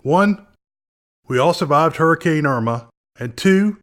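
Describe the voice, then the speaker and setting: A man's voice: a little high, lively intonation, unhurried, a bit bright. A man hosting a casual movie review podcast in a wry, joking way. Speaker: podcast host.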